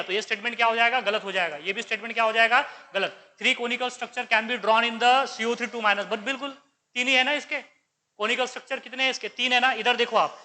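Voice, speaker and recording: A man's voice: sits high, sharp tone. A man teaching chemistry, working through an exam paper and firing repeated questions at his students, mixing English science terms into his Hindi. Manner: quizzing students with repeated questions, calls them beta. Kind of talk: exam paper discussion lecture.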